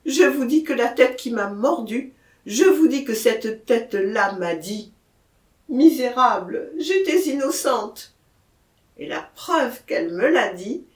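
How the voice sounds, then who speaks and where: A frantic, half-mad male murderer begs in a high, wildly rising voice , as a woman reader puts him on. His pleas come slowly and sound close to tears, recorded in an echoey room. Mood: insistent. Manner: frantic, pleading, near tears.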